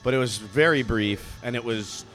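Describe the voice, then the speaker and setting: A male radio host in his thirties chatting casually and telling stories with lively put-on voices. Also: medium pitch, normal speed, soft background music. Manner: animated storyteller, mimics voices when venting. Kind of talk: casual chat.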